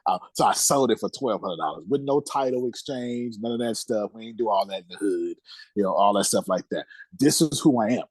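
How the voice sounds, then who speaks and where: A man's voice: lowish voice, slightly rough, no room sound. A man being interviewed on a podcast, telling his life story candidly and emphatically, with speech and streetwise slang, repeating phrases for weight. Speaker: podcast guest.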